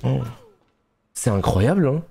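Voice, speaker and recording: A man's voice: mid-range voice, sing-song, slow pace, creaky, warm tone, breathy edge, soft background music. A young man from France chatting casually on a live stream while playing a game, telling stories and laughing often.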